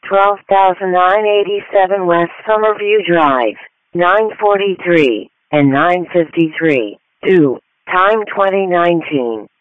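A man's voice: high-pitched, slow, no room sound. A man reading formulaic emergency dispatch call-outs in separated short phrases over a radio paging channel. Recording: dry, narrow radio transmission.

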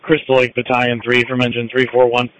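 A man radios in procedural crew reports at a rapid pace. His pitch is average and the two-way radio sound is dry. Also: completely flat delivery, a bit bright, dry recording, rough recording. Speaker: fire and ambulance crew member.

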